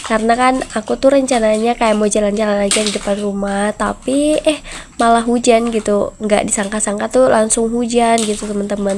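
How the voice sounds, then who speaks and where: A young homemaker vlogger with a flu is doing a voice-over, her voice a little high, mellow, and stuffy through the nose. She chats casually with her viewers as if they were friends, and there's slight background noise.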